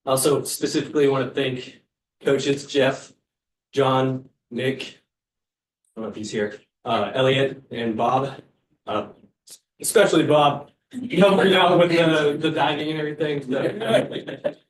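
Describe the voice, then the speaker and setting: A man's voice: mid-range voice, a little slow, a little hiss or hum. A man in his twenties giving a short, plain thank-you speech to his team. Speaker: senior athlete giving a speech. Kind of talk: brief farewell speech. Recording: roomy, from a distance.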